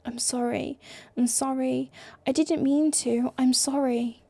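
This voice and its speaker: A woman voicing a distraught, apologetic teenage boy in an amateur audiobook reading, her voice breaking between pleading and hushed. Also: high-pitched, fairly even intonation, slow, creaky, no echo, full character voice.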